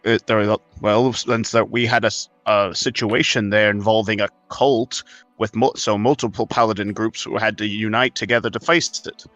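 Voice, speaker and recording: A man's voice: fairly low pitch, fairly even intonation, moderate pace, a bit bright, no echo, muffled recording, soft background music. A man playing a tabletop game, speaking in casual role-play with a hesitant, self-correcting delivery.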